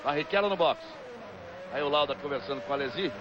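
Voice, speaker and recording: Calling a race live, this man speaks with a Brazilian accent in a slightly high voice at a quick pace. He works as a motorsport commentator, and the dull, lo-fi broadcast carries heavy engine roar and trackside noise.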